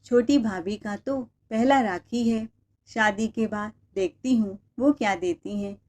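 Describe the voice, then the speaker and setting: A woman's voice: a little high, measured pace, a little mellow, a little hiss or hum. Brief: greedy, whiny young sister-in-law in a storybook tale, voiced by a female narrator. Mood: demanding. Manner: whiny, sulky complaining.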